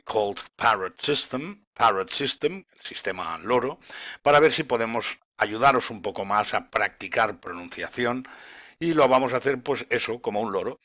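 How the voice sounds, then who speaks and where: A low-pitched man leads an English pronunciation drill. His voice rises and falls widely as he carefully stretches out each model phrase. He then moves briskly into short explanatory remarks. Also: sharp tone, no echo, clean studio sound. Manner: slow, deliberate model phrases with quick asides explaining them. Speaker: English teacher. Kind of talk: listen-and-repeat pronunciation lesson.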